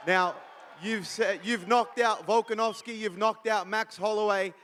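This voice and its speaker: High male reporter in a reverberant hall. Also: steady tone, measured pace, a bit bright, some chatter behind, a little hiss or hum. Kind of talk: press conference questioning.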